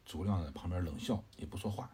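A man retells an old tale in a relaxed, chatty way, pausing to explain and to quiz his listeners. His voice is very low and dark, with soft drawn-out particles. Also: slight background noise. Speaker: storyteller. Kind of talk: casual explanatory story retelling.

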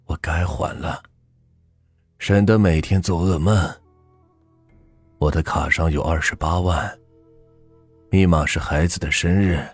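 A guilt-ridden middle-aged husband speaks in a very low, husky murmur, as a male storyteller plays him. His voice is heavy and close, with faint music under it. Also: no echo, heavily acted. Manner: low, slow, hushed and heavy.

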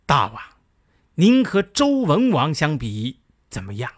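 A man's voice: fairly high pitch, huge pitch swings, takes it slowly, no echo, studio quality, heavily acted. A man voicing a frank, bold ancient advisor who admonishes his king pointedly. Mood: probing.

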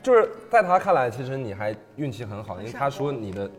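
Lively Taiwanese-accented man, quick talk. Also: medium pitch, long reverb tail, faint music behind. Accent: Taiwanese Mandarin. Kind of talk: casual chat over a meal.

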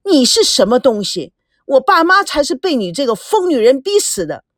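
A woman's voice: high voice, sing-song, normal speed, no echo, voice pushed up. A woman voicing a furious middle-aged rich husband and father who bellows bitter complaints, in a dry close recording.

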